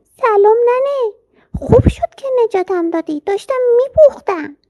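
A man's voice: expressive, warm tone, no echo, lo-fi sound. A man voicing a tiny, cheeky talking chickpea boy who squeals for help, in a storybook reading. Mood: eager. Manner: squealing high cries for help.

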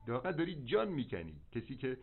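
Male spiritual healer, didactic and directive, mid-pitched, heard through a thin landline phone. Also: big pitch swings. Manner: didactic, directive, with check-in questions. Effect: over a landline phone. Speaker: spiritual healer and doctor giving counsel. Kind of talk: preaching counsel on a phone call. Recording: narrow, tinny telephone line.

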